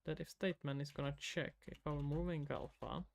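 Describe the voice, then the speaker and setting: Speaking briskly in a slightly high, steady voice with vocal fry, this Czech man streams his indie game development live. He mutters to himself as he codes and answers chat in casual asides, with a Czech accent.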